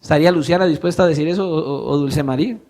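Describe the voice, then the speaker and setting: A male pastor preaching a sermon, asking his congregation pointed questions and moving between soft, low lines and louder emphatic ones. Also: racing. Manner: questions the congregation directly, swinging from soft to loud.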